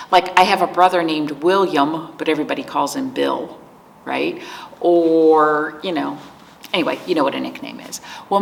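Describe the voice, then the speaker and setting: This is a female librarian running an online storytime: she talks softly to kids, poses easy questions, and reads from a picture book. The voice is on the lower side and gravelly, and a bit of background noise can be heard.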